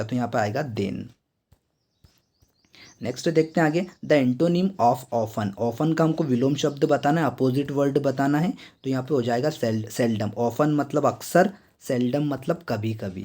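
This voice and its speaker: A young man from India with an Indian accent, explaining an entrance exam answer key. His voice is mellow and somewhat dark at a middling pitch. He quizzes his listeners with repeated questions and slows down for each English sentence. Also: husky. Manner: repeats quiz questions to students, reads English items slowly. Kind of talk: exam answer walkthrough lesson.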